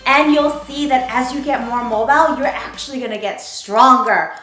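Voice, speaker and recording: A high-pitched woman speaking at a normal speed playfully coaches a casual workout demonstration in hyped gym-bro slang, and the audio is very noisy. She's a fitness coach and presenter, recorded in a very echoey room with music in the background.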